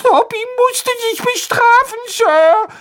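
A tiny, tearful male house-elf, as a woman puts him on, squeaking far above any normal voice and drawing his pleading words out slowly. He sounds humble and overwrought, his voice swooping wildly in an audiobook reading. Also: lively intonation, a bit bright, exaggerated voice. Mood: anxious. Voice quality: squeaky, shrill and sobbing. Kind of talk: audiobook character voice.

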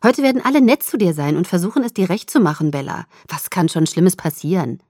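A woman's voice: on the low side, sing-song, fairly quick, darkish tone, no room sound, clean studio sound. A woman voicing an eager, cheerful young woman in an audiobook, bubbly and emphatic. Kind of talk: audiobook character voice.

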